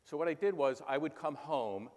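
On a big conference hall stage, a sixty-something announcer from Philadelphia swaps stories in conversation and slips into bits of play-by-play. His voice sits a little high with a darkish tone, lively intonation, and normal speed, and the hall reverb is audible.

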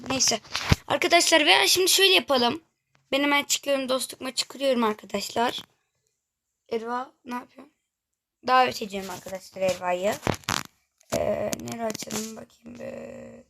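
A woman's voice: on the high side, creaky, noisy background. A woman hosting a gaming channel, giving casual gameplay commentary and chatting straight to her viewers. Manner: chatty, keeps addressing viewers directly.

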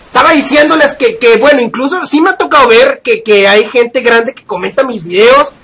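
A young man with a Mexican accent, giving loud, profane commentary over his gameplay and shouting at the game. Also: very high-pitched, moderate pace, slightly rough. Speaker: gaming video creator.

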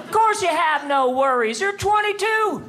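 High-voiced man in his fifties doing stand-up. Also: moderate pace, crowd noise, background noise. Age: 50s. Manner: animated, acts out voices of other people. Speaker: stand-up comedian. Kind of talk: stand-up comedy set. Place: theater stage before a live audience. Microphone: handheld mic.

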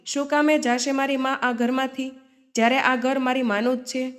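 A firm, outspoken grown daughter, read by a woman storyteller, who speaks up for her mother in a storybook tale. Her voice sits somewhat high and stays close to a plain reading voice. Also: level tone, normal speed, lightly acted. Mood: confronting. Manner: firm, scolding.

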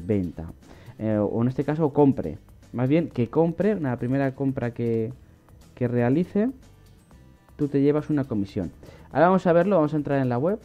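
A man's voice: on the high side, dark tone. A man giving a casual screen-recorded walkthrough of a website, with frequent fillers and restarts. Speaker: online money-making channel host. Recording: slightly dull lo-fi audio with faint music.

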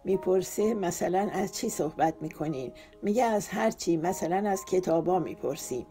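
A woman's voice: on the low side, expressive, mellow, faint music behind. A woman voicing a playful, affectionate young husband who jokes and then speaks tenderly, in an audiobook. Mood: teasing. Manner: teasing joke-telling, then tender.

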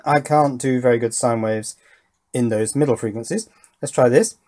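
A medium-pitched, darkish male voice moves at a moderate pace over slight background noise. He's the host of an electronics build channel, offering tentative, thinking-aloud commentary during a casual hands-on demo at an indoor workbench.

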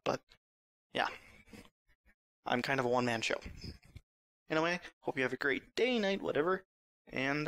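A man's voice: a little high, fairly bright tone, no room sound. A young man ranting casually in a solo video, opinionated and sarcastic, a little out of breath, laughing at his own points. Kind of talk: casual rambling rant.

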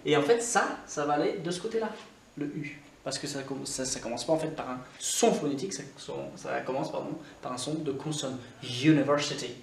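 A man, teaching English grammar to learners in a relaxed way. He repeats the example words slowly and thinks aloud with fillers. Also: fairly high pitch, creaky, reverberant, a little hiss or hum.

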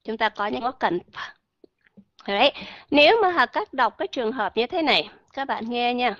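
A woman with a fairly high voice walks an online class through English pronunciation, explaining patiently and saying sample words slowly for the students. The audio is dull and dry, with no room sound around her. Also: expressive, fairly bright tone, no echo.

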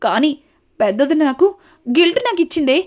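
A woman voicing a loud, blunt young woman accusing her sister-in-law of cheating her. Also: high-pitched, expressive, fairly quick.

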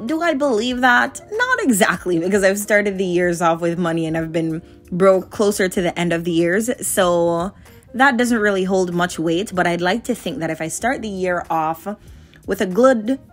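A woman in her late twenties, originally from Jamaica, talks through her cleaning day in a relaxed, chatty voice-over. Her voice sits a little low, and soft music plays faintly underneath. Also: moderate pace. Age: late 20s. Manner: chatty, candid, conversational. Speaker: vlogger. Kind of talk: casual voice-over narration.

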